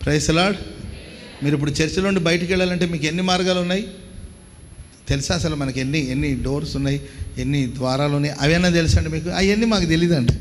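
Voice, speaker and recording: A fervent male pastor preaching in a church, pitched high for a man. He keeps pressing the congregation with questions and calls for them to answer back. The sound carries a long hall reverb with faint ambient noise behind it. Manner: fervent preaching, rhetorical questions, call-and-response. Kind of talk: church sermon.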